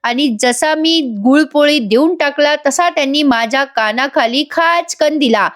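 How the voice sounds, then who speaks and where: A woman's voice: high-pitched, fairly bright tone, voice pushed up. A woman doing a tipsy rambling young man. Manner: slow, slurred, mixing in Hindi words. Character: drunk rambling young man, self-pitying.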